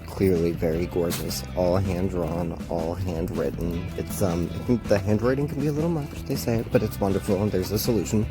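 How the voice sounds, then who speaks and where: A man narrating a solo tabletop game in a relaxed, rambling way with many fillers. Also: sits low, normal speed, few pauses, music in the background.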